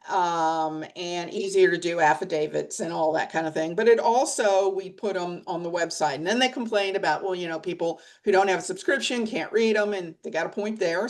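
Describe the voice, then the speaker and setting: A woman's voice: fairly low pitch, moderate pace. A middle-aged woman leading a press association, talking bluntly and emphatically in a webinar discussion over a video call. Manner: blunt, plain-spoken, emphatic.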